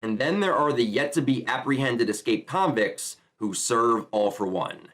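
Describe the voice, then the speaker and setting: Male YouTuber, enthusiastic casual reaction commentary, mid-pitched and animated. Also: a little slow. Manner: enthusiastic, chatty. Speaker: YouTuber reacting to a manga chapter.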